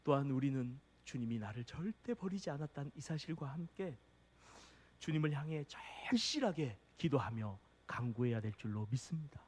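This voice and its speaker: A man preaching a sermon as pastor, impassioned, swinging between hushed, near-whispered passages and loud, urgent calls. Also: medium pitch, lively intonation, normal speed, in a large hall.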